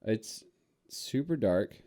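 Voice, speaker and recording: A man hosting a relaxed beer-tasting podcast, playful and quick to laugh. His voice is mellow, with a lively, wide-ranging pitch. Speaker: podcast co-host. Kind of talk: casual podcast chat.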